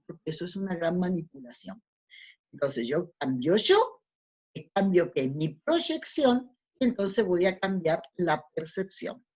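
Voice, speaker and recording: Woman, fairly low voice, spiritual teacher, slide lecture, rhetorical questions, tag questions. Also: breathy edge. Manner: didactic, rhetorical questions answered herself.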